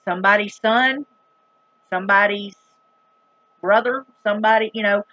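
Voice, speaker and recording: A rural American vlogger in middle age, with a Southern US accent, recounts a story to viewers in an emphatic, dramatic, casual and folksy plain-spoken style. Her mid-range voice is bright and forceful at a moderate pace. There's no room sound, though the recording is muffled.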